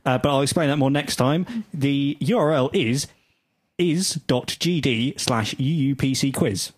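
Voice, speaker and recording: A man's voice: medium pitch, measured pace, breathy edge, no echo. A man with a mid-range voice co-hosts a casual tech podcast. He announces segments and news items in a mild, plain manner. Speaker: podcast co-host.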